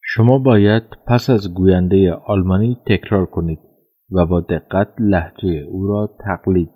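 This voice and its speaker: Male lesson narrator, low steady voice, thin phone-like sound, calm measured prompts. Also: husky. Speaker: language course narrator. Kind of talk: scripted language lesson instructions. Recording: tinny phone-like audio.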